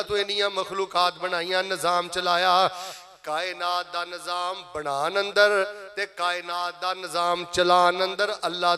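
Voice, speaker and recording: A man with a Punjabi accent giving a sermon, calling on the crowd to repeat phrases aloud and breaking into slow chanted verses. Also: high-pitched, bright, forceful tone. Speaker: preacher.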